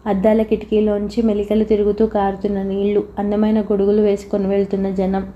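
A woman reading a novel aloud as an audiobook narrator, in a steady, even storytelling voice. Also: mid-range voice, brisk, dull audio, slight background noise.

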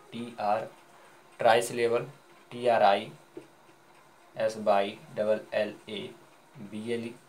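A man's voice: mid-range voice, a little hiss or hum. A man teaching a grammar lesson, asking questions and answering them himself, spelling words letter by letter.

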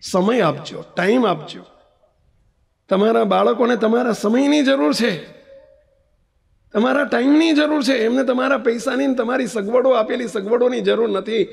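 A man's voice: very high voice, moderate pace, gravelly, breathy edge. A man, a spiritual leader, giving a storytelling sermon and putting rhetorical questions straight to his listeners. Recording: long reverb of a large hall.

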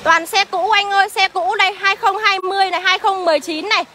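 A young woman livestreaming from a used car lot, briskly reading out car prices and greeting viewers by name, recorded on a phone as she walks. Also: extremely high pitch, fairly even intonation, background noise. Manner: brisk sales patter, reels off prices and addresses viewers as "anh".

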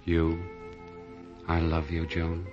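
A man's voice: low-pitched, monotone, takes it slowly. An actor playing a lovesick man hiding something, earnest and hesitant, in 1940s radio acting. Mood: tender. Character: secretive lovesick man hiding bad news. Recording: dull 1940s broadcast with music underneath.

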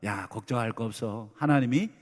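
A middle-aged man preaching a Sunday sermon as senior pastor, lively and dramatizing the voices of parents and children. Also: medium pitch, a little fast. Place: church sanctuary. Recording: long hall reverb.

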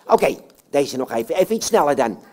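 A woman's voice: low voice, very animated, fairly quick, mellow, voice pushed down. Woman doing Jan Klaassen, a cheeky boastful puppet. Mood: chatty. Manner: chatty, talks straight to the audience, boastful. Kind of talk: live puppet show for children.

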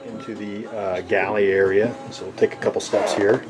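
Male boat owner, low voice, halting casual tour narration, camera mic in a small cabin. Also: over music. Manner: relaxed, halting with frequent fillers. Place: inside a sailboat cabin. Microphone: handheld camera mic, speaker off camera.

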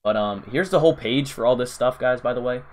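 A man's voice: medium pitch, quick pace. A young man casually live-streaming a game, rambling to his chat with lots of fillers, calling out viewers' names and saying "bro".

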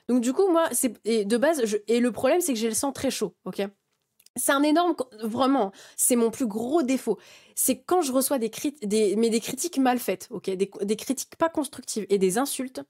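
A woman's voice: a little high, a little mellow. A woman in her twenties streaming and talking heatedly to her chat, swearing freely and restarting her sentences often. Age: 20s. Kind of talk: casual rant to chat.

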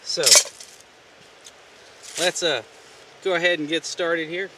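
A man casually showing a homemade camp stove outdoors, talking in a relaxed, folksy way with many fillers. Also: fairly high pitch, takes it slowly, distant mic, noisy background. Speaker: outdoor gear vlogger. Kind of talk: casual how-to demonstration. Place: outdoors on the ground, off camera.

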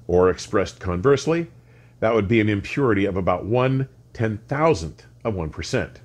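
Around 60, an older man with a lowish voice hosts an audio explainer series, delivering a scripted technical lesson to camera. His phrasing is measured, deliberate, and emphatic, with precise word choice. He's indoors in a furnished home listening room.

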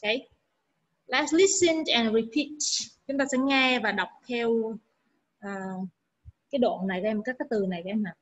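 A woman teacher talks through an online pronunciation lesson, patiently explaining and sounding out clusters. Her voice sits a touch high and a little husky. The recording is dull and lo-fi. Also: normal speed. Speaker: English teacher. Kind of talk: online lesson, mixing Vietnamese and English.

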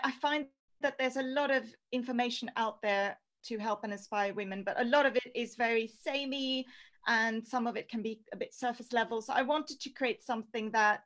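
A woman's voice: on the high side, fairly bright tone. A woman in her thirties from Norway talks as a guest on a video-call interview through a headset microphone. She speaks earnestly about her work, with light laughs between her thoughts. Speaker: guest, singer-songwriter and coach.

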